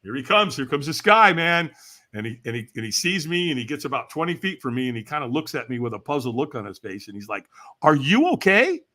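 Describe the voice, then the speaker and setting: A man's voice: medium pitch, animated, fast talker, sharp tone. A man in his sixties from California, a podcast guest telling a story with energy, acting out the voices he quotes and laughing as he goes. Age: 60s. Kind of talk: animated storytelling.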